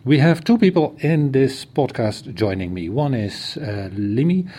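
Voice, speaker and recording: Husky Dutch-accented podcast host. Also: male voice, mid-range voice, animated, unhurried, mellow. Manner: explanatory, hesitant with fillers. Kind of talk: casual podcast chat.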